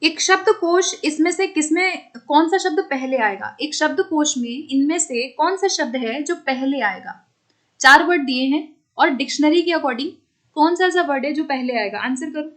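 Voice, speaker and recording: A woman with a high voice teaches an online exam-prep class. She explains each answer step by step and keeps checking that her students follow along. English terms slip into her explanations. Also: moderate pace, fairly bright tone.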